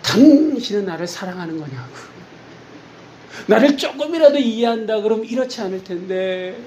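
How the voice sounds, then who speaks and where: A man's voice: high voice, expressive, moderate pace, a little mellow, slight background noise, pitched above the performer's own voice. A man voicing an exasperated wife who nags her husband and piles up grievances. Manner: complaining, piling up grievances.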